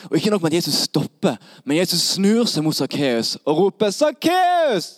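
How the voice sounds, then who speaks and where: Lively storytelling male preacher. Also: fairly high pitch, dry recording, studio quality. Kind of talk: sermon.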